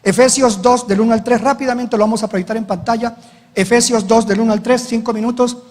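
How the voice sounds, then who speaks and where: A man's voice: very high voice, fairly even intonation, brisk, darkish tone, in a large hall. A man preaching as pastor, telling a story with dramatic retold dialogue. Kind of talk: sermon.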